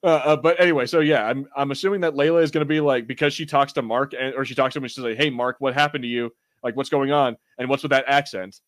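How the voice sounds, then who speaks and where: Reviewing a TV show and reading out live chat, this male podcast co-host jokes and rambles in slangy talk with some swearing. He's a fast talker with few pauses, steady and medium in pitch, in studio-quality audio without room sound.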